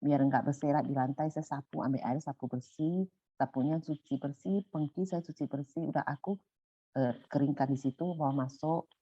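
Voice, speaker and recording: A middle-aged woman telling a personal story in a casual, animated way, going high when excited and soft when calm. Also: normal speed, breathy edge, dry recording. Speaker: volunteer sharing a personal story. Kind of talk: casual storytelling in a sharing session. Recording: muffled dry sound.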